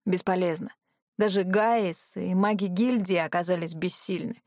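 A woman voicing an exhausted young male dragon shifter who speaks wearily and hoarsely. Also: fairly low pitch, steady tone, moderate pace, darkish tone, no room sound, studio quality, close to an everyday voice. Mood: weary, hushed. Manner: weary and hoarse.

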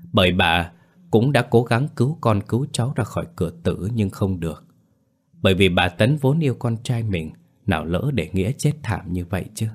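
A man narrating a scripted horror story in a grave, dramatic way. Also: low voice.

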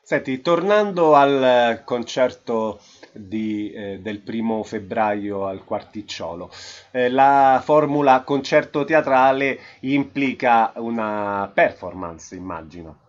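A radio interviewer chats casually with a guest, posing questions in a hesitant but attentive way. His voice is medium-pitched and slow-paced, and the audio sounds slightly dull and lo-fi.

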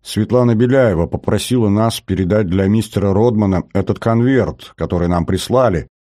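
A composed young woman, voiced by a man reading an audiobook, speaking a little higher than his narration but still low and dark. She keeps a prim, obedient schoolgirl tone. The delivery is dry and close. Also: moderate pace, no room sound, natural voice. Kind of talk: audiobook character voice.

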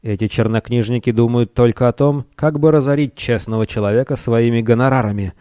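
A man voicing a greedy, scheming merchant with a hoarse voice and a slight lisp, wheedling and menacing in turns. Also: lowish voice, lively intonation, moderate pace, warm tone, no echo, studio quality, close to an everyday voice. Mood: aggrieved.

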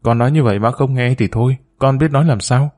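A man's voice: medium pitch, fast, darkish tone, natural voice. A man voicing a worried grown-up daughter who earnestly coaxes her mother in a storybook reading.

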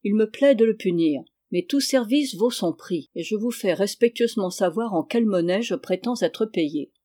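An arrogant count in full armor from an audiobook, calm and quietly threatening, voiced by a reader. His words are measured and unhurried, in a dark, mellow tone. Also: medium pitch, lightly acted. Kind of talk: audiobook character reading.

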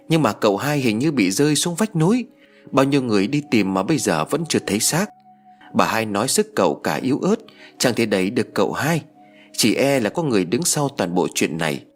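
A man's voice: lowish voice, fairly bright tone, clean tone. A man voicing a frightened young servant girl who sounds close to tears and pleads urgently. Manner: tearful, pleading.

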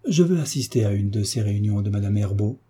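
A man's voice: lowish voice, lively intonation, fast, dark tone, breathy edge, voice pushed down. A man voicing a cool, commanding young heiress in an audiobook, giving firm, clipped orders. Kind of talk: audiobook character reading.

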